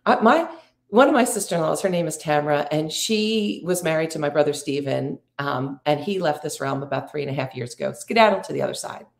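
A middle-aged woman with a low, gravelly voice talks slowly and reflectively, guiding listeners through an uplifting spiritual message. Her phrases stretch out gently with pauses to breathe. The sound carries the echo of a bare room. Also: animated. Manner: slow, drawn-out, reflective phrasing with breathing cues. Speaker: podcast host and spiritual coach. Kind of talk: soothing inspirational talk.

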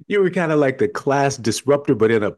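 A man's voice: medium pitch, lively intonation, normal speed, darkish tone, no room sound, clean studio sound. A man hosting a casual interview, asking questions and responding conversationally. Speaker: interviewer, podcast host.

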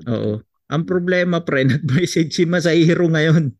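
A man's voice: fairly high pitch, moderate pace, a little mellow, no room sound. A Filipino man co-hosting a casual chat podcast, teasing his partner in easy banter. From Philippines. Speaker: podcast co-host. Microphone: video call.

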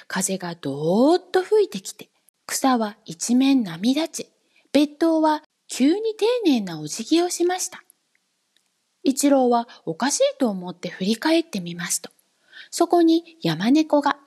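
High, lively, breathy woman storyteller. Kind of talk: storybook reading.

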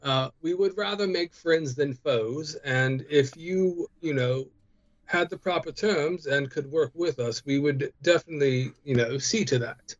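A man with a fairly high voice plays a tabletop role-playing game. He improvises in character, politely and haltingly diplomatic. The mic sounds slightly dull.

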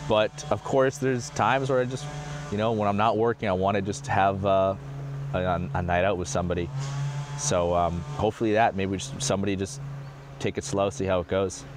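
A man in his twenties answering interview questions casually, halting often with fillers. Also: low-pitched, level tone, noisy background. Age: 20s.

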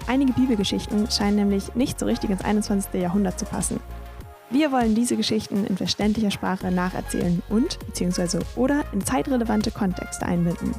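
A woman hosting a podcast who reads a first-person story in a measured, grave way. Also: medium pitch, vocal fry, darkish tone, faint music behind. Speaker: podcast host and narrator.

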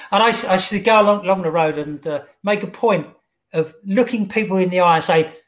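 English man, high voice, joking anecdotes, laughing, halting restarts. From England. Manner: jokey storyteller, laughs often, halting restarts. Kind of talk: casual podcast chat.

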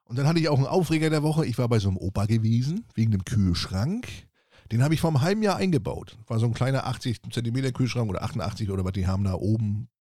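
A man's voice: medium pitch, expressive, very fast, mellow, no room sound, clean studio sound. A man co-hosting a casual podcast, telling rambling anecdotes from his service job and acting out both sides of the dialogue. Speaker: podcast co-host, appliance service technician. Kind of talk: casual chat, storytelling.

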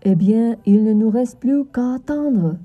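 A woman's voice: a little high, a little slow, narrow, tinny audio, faint music behind. A woman voicing a patient father in a children's storybook recording. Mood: calm. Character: patient caring dad.

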